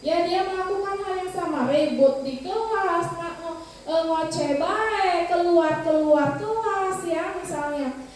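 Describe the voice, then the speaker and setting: A woman teacher with a high voice shares stories from her classroom, turning often to her listeners. She sounds distant, with heavy echo in the room and a faint hiss under it. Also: slow. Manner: storytelling, addresses listeners as "Bapak Ibu". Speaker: teacher presenting to colleagues. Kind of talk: informal presentation with classroom anecdotes. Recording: very echoey room, voice from afar, faint noise.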